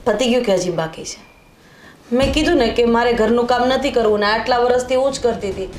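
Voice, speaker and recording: A woman's voice: on the high side, fairly quick, darkish tone, a little hiss or hum, close to an everyday voice. A woman playing a lazy elder daughter-in-law who answers in a dismissive, mocking way. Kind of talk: family drama acting.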